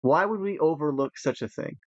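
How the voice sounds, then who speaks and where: A man chatting casually while gaming, rambling with nervous laughs and animated asides. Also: on the high side, brisk, dry recording, highs cut off. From United States. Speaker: gaming podcast co-host.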